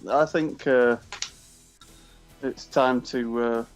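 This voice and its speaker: A man's voice: mid-range voice, steady tone, extremely slow, soft background music. A British man co-hosting a podcast, talking hesitantly with many ums and a self-deprecating humor, chewing snacks as he speaks. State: eating snacks while talking. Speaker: podcast co-host. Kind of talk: casual chat.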